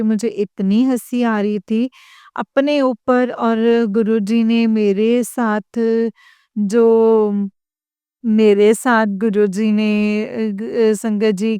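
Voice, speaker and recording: A woman sharing a devotional testimony in a halting storytelling manner, often stopping to address her listeners respectfully. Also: on the high side, mellow, clean tone, no room sound.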